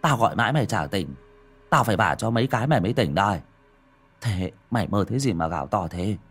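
A man's voice: fairly low pitch, lively intonation, breathy edge, faint music behind. A man doing a brash, mocking young villager. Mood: hurried. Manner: quick, blunt, swearing.

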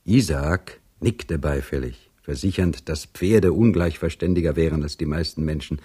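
A man reading a classic novel aloud as an audiobook, narrating in a measured storytelling manner. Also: very deep voice, warm tone, husky. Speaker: audiobook reader.

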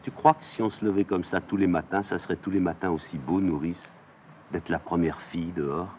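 A man reading a play aloud, voicing a fussy, scolding old nursemaid in a high raised voice. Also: fairly even intonation, a little fast, darkish tone, slight background noise, close to an everyday voice. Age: older. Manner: shrill, scolding, exclamatory.

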